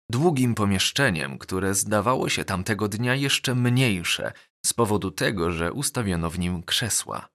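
A man narrating a novel as an audiobook, measured and even. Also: fairly low pitch. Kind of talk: scripted narration.

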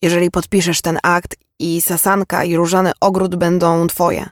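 A remorseful older father speaks quietly and earnestly, measured and firm, as read by a man. The sound is dry and close, with no room around it. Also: high voice, little pitch movement, dry recording, close to an everyday voice. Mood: pleading. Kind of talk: audiobook character reading.

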